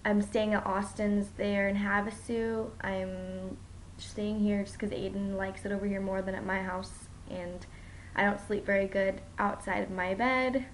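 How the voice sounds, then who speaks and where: Tired young mom rambling slow about her toddler at home, lots of ums, faint hiss behind. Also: medium pitch, flat delivery, low-quality recording. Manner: chatty and rambling, many ums and likes. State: tired from poor sleep. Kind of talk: casual home vlog update.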